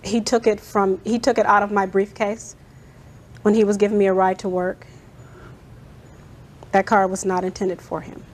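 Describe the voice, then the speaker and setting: A woman's voice: mid-range voice, little pitch movement, normal speed, long pauses, slight background noise. Curt, defensive woman defendant. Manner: curt, defensive short replies. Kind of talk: TV courtroom show.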